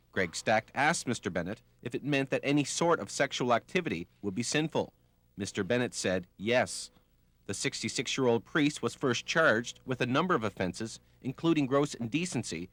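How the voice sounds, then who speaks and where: Male news reporter, mid-pitched voice, scripted report narration. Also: fairly bright tone, no room sound.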